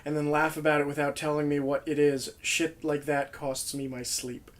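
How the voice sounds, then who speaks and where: A man's voice: fairly high pitch, little pitch movement, moderate pace. A young man with a slightly raised voice hosts a podcast, chatting loosely about old tours. He rambles through his stories and laughs easily along the way. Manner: rambling, laughs often while telling tour stories. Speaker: podcast host. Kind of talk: casual chat.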